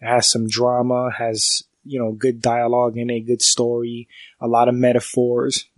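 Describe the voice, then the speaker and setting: Here a podcaster reviews a movie while stuffed up with a cold, talking at normal speed in a medium-pitched voice. His casual, fairly flat delivery wanders, full of fillers and restarted sentences, and the audio is close and dry with no room echo.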